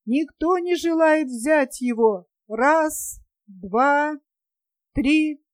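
A woman voicing a loud, rough male beggar king who bawls like an auctioneer. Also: high voice, extremely slow, no echo, clean studio sound, pitched above the performer's own voice. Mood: mocking. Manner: bawling, auctioneer-like.

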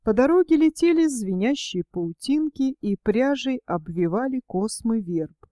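A woman narrating a story in an even, measured reading. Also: a little high, no room sound, studio quality.

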